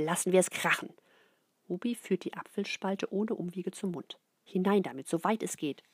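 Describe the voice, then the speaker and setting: A middle-aged woman reads a children's book aloud in an expressive way, often dropping into soft whispers. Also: mid-range voice, breathy edge, no echo. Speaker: narrator.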